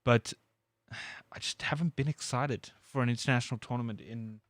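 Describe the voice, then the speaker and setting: A man's voice: medium pitch, steady tone, normal speed, fairly bright tone, no echo, studio quality. A South African man co-hosting a sports talk show, laid-back and questioning, full of "like" and "dude". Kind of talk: casual sports chat.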